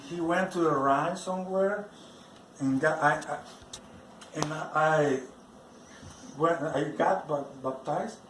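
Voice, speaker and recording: Man, non-native English speaker, religious testimony, slow halting delivery, repeated restarts, echoey room. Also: a little high, fairly bright tone, a little hiss or hum. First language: not English. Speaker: churchgoer giving a personal testimony. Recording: roomy, from some distance off the mic.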